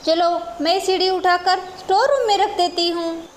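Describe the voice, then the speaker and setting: A stern old village mother-in-law, voiced by a woman, in a children's storybook. She scolds and commands in a very high, thin voice, with a faint hum of ambience behind her. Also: moderate pace. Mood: bossy.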